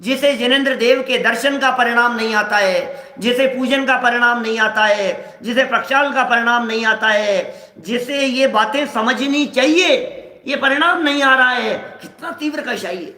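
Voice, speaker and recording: A man's voice: very high-pitched, moderate pace, pushed and bright, reverberant. A man giving a scripture discourse to a live audience, asking rhetorical questions and acting out everyday examples. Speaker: scripture lecturer.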